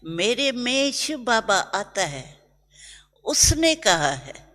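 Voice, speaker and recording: An older woman voicing a gentle elderly male spiritual father who talks softly and fondly, in a hall with long reverb. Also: fairly high pitch, sing-song, extremely slow, voice pushed up, heavily acted. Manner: soft, affectionate, calls listeners children.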